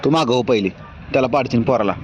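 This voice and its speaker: Talking fast in a bass voice, a mother in a home vlog chats casually with her young children, scolding one moment and coaxing the next while fussing over them. Loud outdoor noise runs through the dull, lo-fi recording.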